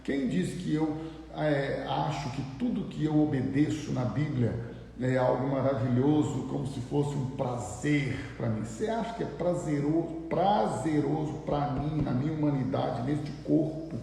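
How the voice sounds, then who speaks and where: A man's voice: mid-range voice, measured pace, gravelly. A middle-aged man with a Brazilian Portuguese accent, preaching a live morning sermon in a conversational way. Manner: conversational, animated, with mock voices. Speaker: pastor. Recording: echoey room with long reverb.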